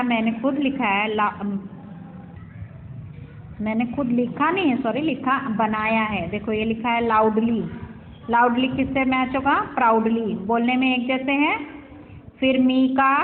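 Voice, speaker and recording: A woman teacher explaining an English poem to children in Hindi, asking and answering her own questions, with the English lines read slowly. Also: on the high side, a little hiss or hum. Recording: echoey room over a tinny phone-like line.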